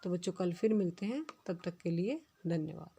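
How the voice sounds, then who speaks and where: A woman teacher giving a recorded class lesson, going slowly and carefully through spelling words. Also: on the low side, creaky, mellow, slight background noise. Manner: slow, careful dictation of words. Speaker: school teacher.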